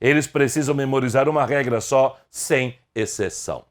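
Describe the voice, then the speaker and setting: A middle-aged Brazilian man teaching an online grammar lesson, slow and deliberate, asking his viewers question after question. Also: medium pitch.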